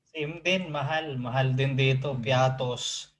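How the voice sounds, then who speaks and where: A man hosting a podcast, chatting casually and prompting his guests with relaxed questions. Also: mid-range voice, takes it slowly. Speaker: podcast host. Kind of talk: casual chat.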